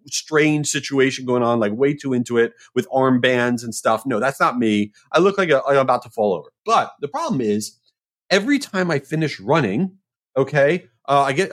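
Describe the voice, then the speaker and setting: Animated ranting man, lively pitch. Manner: animated, ranting storyteller with mock exasperation. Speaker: podcast host. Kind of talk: casual monologue.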